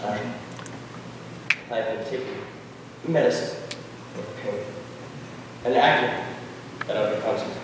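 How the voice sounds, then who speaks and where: A man playing a brooding, tormented young uncle in formal, halting theatrical stage acting. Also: mid-range voice, big pitch swings, noisy background. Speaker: actor in a stage musical. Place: school theatre stage, audience recording. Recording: echoey hall from far off.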